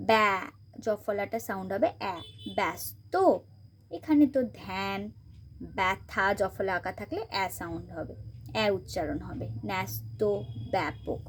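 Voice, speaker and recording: Husky-voiced woman teaching pronunciation. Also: medium pitch, lively intonation. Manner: explains step by step, repeats example words slowly. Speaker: teacher, channel host. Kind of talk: spoken grammar lesson.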